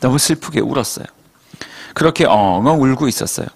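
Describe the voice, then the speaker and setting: A male pastor preaching a sermon as lively storytelling full of rhetorical questions. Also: mid-range voice, fairly quick, vocal fry, breathy edge.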